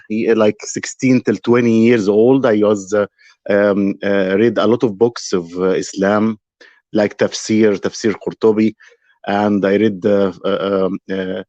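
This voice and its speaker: A man from Egypt with an Egyptian Arabic accent, a guest speaking haltingly with many pauses and fillers. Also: fairly low pitch, a little mellow, no room sound. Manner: halting, full of fillers and restarts. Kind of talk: casual live-stream conversation. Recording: dry, dull call audio.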